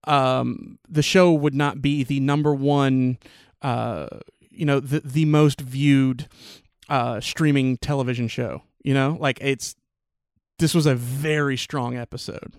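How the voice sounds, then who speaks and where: A man co-hosting a casual chat podcast, rambling with lots of fillers and restarts, excitable. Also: mid-range voice, takes it slowly, smooth, no room sound, studio quality. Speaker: podcast co-host.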